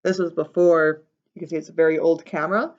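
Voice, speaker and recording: Here a woman with a low voice reads aloud from a picture book for young children, unhurried and expressive. Casual asides give simple explanations, and the recording is muffled.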